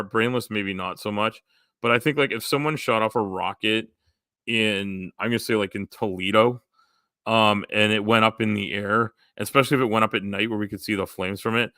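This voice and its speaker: A man hosting a casual livestream chat, rambling with lots of fillers and going hoarse. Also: lowish voice, pushed and bright, dry recording, studio quality. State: losing his voice. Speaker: live stream host.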